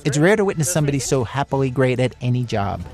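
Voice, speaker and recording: A man's voice: medium pitch, sing-song, fast, darkish tone, faint music behind. A man narrating a scripted radio story as a reporter, in a conversational style.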